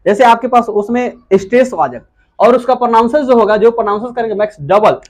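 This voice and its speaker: A man teaching English grammar in a classroom-style lecture, who keeps asking questions and answering them himself and repeats key words slowly. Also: very high-pitched.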